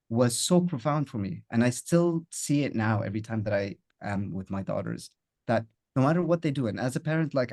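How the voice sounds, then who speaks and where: A father speaking as a podcast guest, earnest and thoughtful, often pausing and restarting his sentences. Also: mid-range voice, a little mellow. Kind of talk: reflective podcast conversation.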